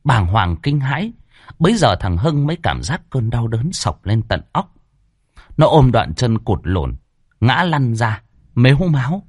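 A man narrating a ghost story from a script, with a dramatic, varied delivery and tense pauses. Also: mid-range voice, big pitch swings, breathy edge, no room sound, clean studio sound.

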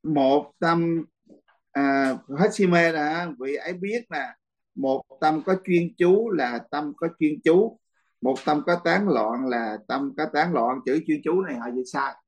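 A man's voice: fairly high pitch, slow, rough recording. A man, a Buddhist monk, teaching a dharma class in a blunt, teasing way and laughing often.

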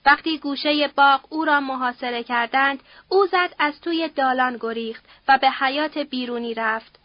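A woman reading a novel aloud as an audiobook narrator, in a steady, measured way. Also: high voice, no echo, lo-fi sound.

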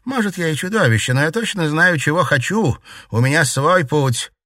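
A man's voice: on the high side, lively intonation, normal speed, dry recording, studio quality, pitched above the performer's own voice. A man voicing a fierce, scornful young woman. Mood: defiant. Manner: sharp, shouting, defiant. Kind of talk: audiobook narration.

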